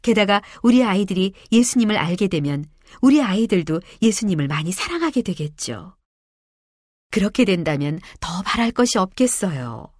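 A woman's voice: mid-range voice, expressive, normal speed, darkish tone, dry recording, clean studio sound, lightly acted. A woman voicing hopeful young mothers talking together in a children's Bible story.

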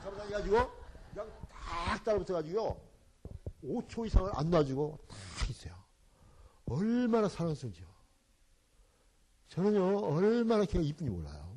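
An older man, a church elder, giving a parenting seminar and telling family stories with animated, acted-out scenes and English phrases mixed in. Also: sits high, slightly rough. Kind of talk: seminar talk with storytelling.

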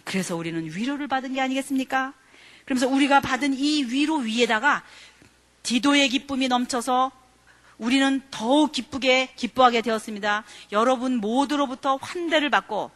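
A woman leads a Bible study lecture with a bright, crisp voice. She explains the passage in an easy, conversational way. She keeps putting rhetorical questions to her listeners. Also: high voice.

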